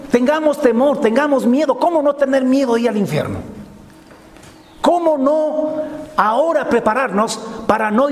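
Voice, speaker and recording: A man's voice: high voice, roomy sound, long reverb tail. A man preaching a sermon, emphatic and fond of repeating key phrases for effect.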